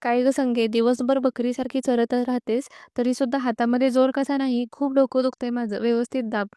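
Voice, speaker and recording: A woman's voice: fairly high pitch, level tone, brisk, mellow, smooth, no echo, studio quality, lightly acted. A woman reading out the lines of a bossy, middle-aged mother-in-law who scolds her daughters-in-law. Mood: scolding. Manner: scolding, then pleading.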